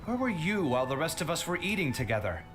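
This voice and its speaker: An actor playing an outspoken, idealistic young male scholar in a video game, expressive and reproachful. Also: on the high side, fast talker. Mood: scolding. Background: game music.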